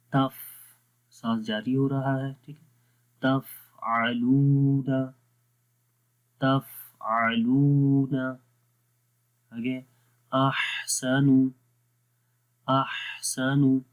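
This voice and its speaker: Slow, patient male Quran teacher. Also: medium pitch, darkish tone, poor audio. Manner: patient, repeats letter sounds slowly and deliberately. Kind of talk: slow explanatory lesson with drawn-out recited examples.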